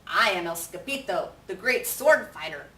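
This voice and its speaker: Woman voicing a excitable, boastful little boy kitten, swooping pitch. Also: moderate pace. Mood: swaggering. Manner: exclamatory, dramatic, sing-song when rhyming. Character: playful, boastful little boy kitten posing as Chihuahua hero. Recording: roomy, distant mic with faint noise.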